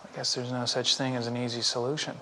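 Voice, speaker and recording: An actor playing a calm male science teacher in a TV drama, speaking in a measured, explanatory way, with faint music underneath. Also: mid-range voice, a little hiss or hum.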